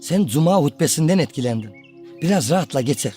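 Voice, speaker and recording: An actor playing a sly, placating swindler in a comedy film. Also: male voice, a little high, lively intonation, fast, music in the background, lightly acted.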